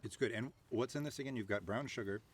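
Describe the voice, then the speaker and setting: A man's voice: medium pitch, fast, slightly rough. A man hosting a live stream show, chatting casually and joking, with plenty of filler words. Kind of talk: casual chat.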